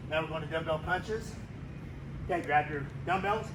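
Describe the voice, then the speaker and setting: A man coaching a circuit workout, barking short, energetic commands and instructions as he exercises along. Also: fairly high pitch, moderate pace, far from the mic. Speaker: fitness coach leading a workout. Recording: noisy room with gym ambience.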